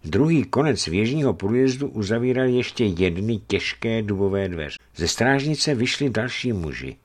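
Low-voiced, expressive male narrator. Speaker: audiobook narrator. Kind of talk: scripted narration.

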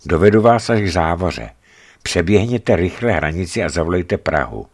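A man doing a hushed, urgent German border guard. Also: deep voice, animated. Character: German border guard, male, secretive and helpful.

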